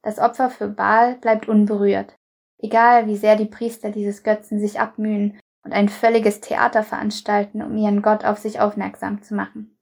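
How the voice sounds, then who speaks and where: Woman, Bible reading with commentary, measured, gravelly, flat intonation. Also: medium pitch. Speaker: Bible reader and devotional speaker.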